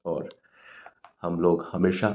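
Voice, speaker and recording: A man's voice: sits low, level tone, slow pace, darkish tone, highs cut off. A man teaching English grammar in Hindi, patiently explaining words and often checking with "okay?".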